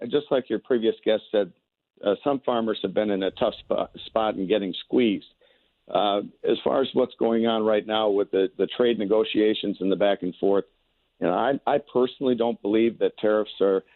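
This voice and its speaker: An American political candidate, appearing as a radio guest over the telephone, answers interview questions in folksy, stump-speech phrasing with hesitant repeats. His voice is fairly low with no echo, carried on a narrow, tinny phone line.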